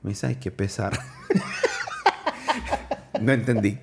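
A man from Colombia hosting a casual interview, chatty, with quick restarts, who acts out the quotes he tells. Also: lowish voice, steady tone, gravelly, very noisy. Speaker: podcast host.

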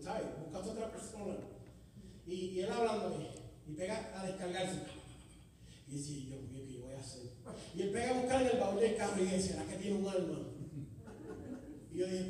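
A man preaching a sermon testimony in a church, swinging from loud exhortation to hushed storytelling. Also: high-pitched, slight background noise. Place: church sanctuary. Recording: echoey hall, distant mic.

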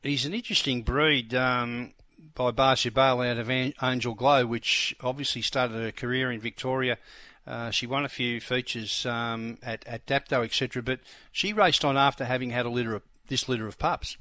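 A man's voice: medium pitch, fairly even intonation, moderate pace, bright, forceful tone, no echo. A man with an Australian accent hosting a casual racing discussion on sports radio. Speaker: racing show host.

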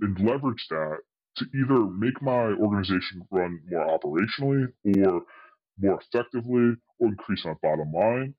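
A man's voice: lowish voice, muffled recording. Man with an altered, disguised voice. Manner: hesitant, many fillers and restarts. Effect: voice altered to disguise identity. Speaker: anonymous guest, tech specialist. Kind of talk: interview answers.

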